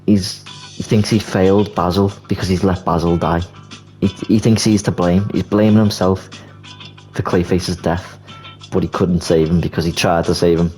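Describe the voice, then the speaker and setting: A man's voice: low-pitched, steady tone, moderate pace. A young man casually retelling a movie plot idea, rambling and leaning on filler words. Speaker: video creator. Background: soft background music.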